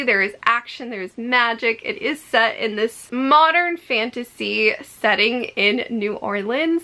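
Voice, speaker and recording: Woman, book vlogger, casual and upbeat, effusive, raised pitch, very bright tone, mildly froggy allergy voice. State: slightly croaky, allergy-affected voice. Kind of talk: casual chat to camera about books.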